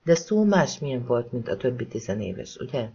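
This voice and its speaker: A man reading a gentle, calm female investigator. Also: medium pitch, gravelly, slightly rough, lo-fi sound, heavily acted.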